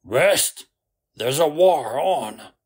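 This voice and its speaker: A man reading aloud, voicing a gruff, hot-tempered man who is in poor health and talks loudly and bluntly. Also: a little high, expressive, drawn-out words, heavily acted. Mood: indignant. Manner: gruff, loud and blustering.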